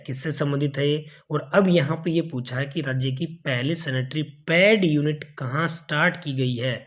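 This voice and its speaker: A man, walking through exam questions one at a time, reading each prompt slowly and then explaining the answer. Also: mid-range voice. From India. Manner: reads English prompts slowly and deliberately. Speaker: exam prep teacher. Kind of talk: exam question walkthrough lesson.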